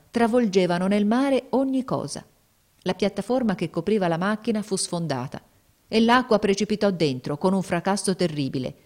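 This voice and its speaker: A woman narrating a story aloud in a steady, measured reading. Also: on the low side.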